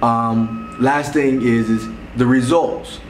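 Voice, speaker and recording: A man's voice: medium pitch, fairly even intonation, takes it slowly, far from the mic, a little hiss or hum. A young man casually explaining his meal prep service to camera, talking conversationally with many fillers and restarts. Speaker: meal prep business owner. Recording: roomy echo, voice a bit off-mic.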